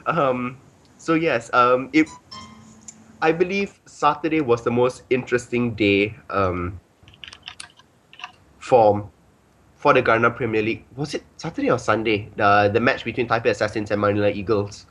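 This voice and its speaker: A man's voice: mid-range voice, moderate pace, long pauses, a bit bright. A man hosting a casual podcast, rambling with many ums and filler phrases. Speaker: podcast host.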